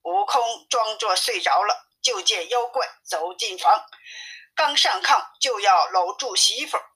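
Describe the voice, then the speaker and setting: A woman narrating a classic fairy tale aloud in a steady, clear reading voice. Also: mid-range voice, unhurried, low-quality recording. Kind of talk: storybook narration.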